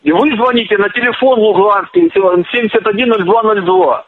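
A high-voiced man snapping down a tinny phone line in a prank call. He swears constantly and barks at the other end as if he were a police officer. The line sounds thin and squeezed. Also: moderate pace, a little hiss or hum. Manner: foul-mouthed, aggressive, claims to be a police officer. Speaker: prank caller.

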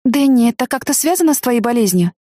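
A woman voicing an anxious, fiery young woman fresh out of school, her pitch lifted well above the reader's own low voice. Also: lively intonation, quick pace, dark tone, no echo, clean studio sound. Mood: alarmed. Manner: pleading and indignant outbursts.

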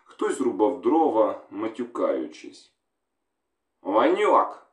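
A slow, grave male storyteller. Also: fairly low pitch, very animated, darkish tone. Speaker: audiobook reader. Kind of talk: storybook narration. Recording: roomy, distant mic.

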